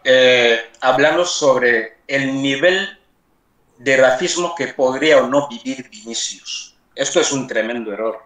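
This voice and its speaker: A middle-aged man speaking as a panel guest on a webcam video call from a room at home, in a measured, deliberate way. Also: mid-range voice, a bit bright. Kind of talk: online panel discussion. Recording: echoey, distant from the mic.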